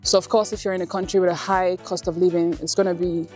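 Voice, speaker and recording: A woman's voice: fairly low pitch, flat delivery, quick pace. A young woman from Nigeria, a student, giving frank, confident interview answers. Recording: soft music underneath.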